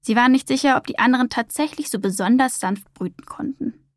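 A woman narrating a children's storybook in a calm, expressive reading voice. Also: fairly high pitch, fairly quick, no room sound, clean studio sound.

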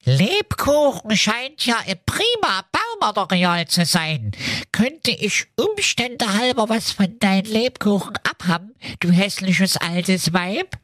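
A man voicing a cheeky little girl piglet in a storybook, in a very high, squeaky, singsong voice, recorded dry and close. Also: very animated, slow pace, a bit bright, no room sound, heavily acted.

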